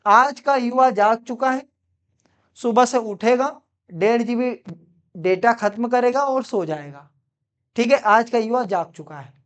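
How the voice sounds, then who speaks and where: A man's voice: extremely high pitch, measured pace, a bit bright, smooth. A man teaching English pronunciation. He quizzes his listeners and repeats each word several times, with playful teasing asides. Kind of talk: spoken pronunciation lesson.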